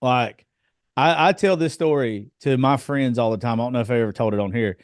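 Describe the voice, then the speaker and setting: A man's voice: mid-range voice, fairly quick, no room sound, clean studio sound. A man in his thirties chatting bluntly on a podcast, swearing freely and telling stories from his home life. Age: 30s. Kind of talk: casual chat.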